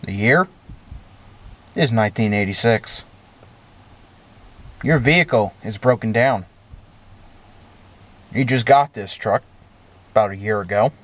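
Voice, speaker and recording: Speaking slowly with long pauses, this man has a voice on the low side with a bit of brightness. He's a vlogger putting on a playful, theatrical hands-on demonstration of vintage gadgets, telling it as a story from inside a truck cab, with clear vehicle noise behind him.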